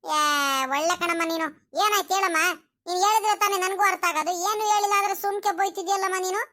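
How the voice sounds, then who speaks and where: A woman's voice: extremely high pitch, steady tone, quick pace, fairly bright tone. A woman voicing a bewildered, pleading young married daughter in a comedy cartoon. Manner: pleading, questioning. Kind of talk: village comedy cartoon acting.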